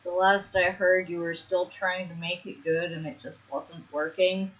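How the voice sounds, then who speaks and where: A woman's voice: fairly low pitch, flat delivery, normal speed, slightly rough. Woman co-host, playful needling banter, muffled lo-fi audio. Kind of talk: casual teasing banter. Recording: dull lo-fi stream audio.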